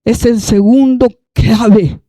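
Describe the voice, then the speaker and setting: A preacher, a man, delivers a sermon in a folksy, direct way, calling his listeners brother. His voice is high and warm-toned, and the recording is close and dry. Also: fairly even intonation, slow, no room sound. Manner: folksy, addresses listeners as brother, calls for repetition.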